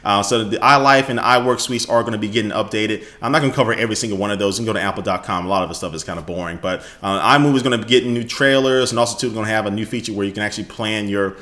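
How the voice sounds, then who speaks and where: Fast-talking American tech vlogger. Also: male voice, lowish voice, bright, forceful tone. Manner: fast-talking, enthusiastic, with frequent fillers. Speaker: tech video host. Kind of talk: casual tech news recap.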